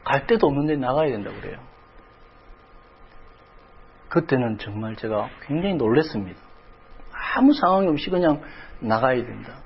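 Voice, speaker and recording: A man's voice: mid-range voice, expressive, brisk, dull audio, slight background noise. A middle-aged male pastor preaching a sermon, telling a personal story with emotion that rises toward crying out in prayer. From South Korea.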